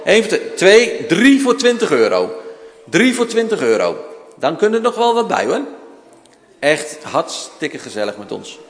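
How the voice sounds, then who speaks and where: High-pitched man auctioneer in an echoing hall. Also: very animated, normal speed. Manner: auctioneer calling out counts and repeated prices to a room. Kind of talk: live auctioneer calling bids, informal. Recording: reverberant hall.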